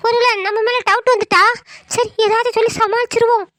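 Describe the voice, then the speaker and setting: A woman's voice: extremely high pitch, little pitch movement, a little fast, a bit bright, dry recording, studio quality. A woman voicing a tearful young woman who is hurt by a friend. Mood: upset, tearful. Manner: sobbing, pleading.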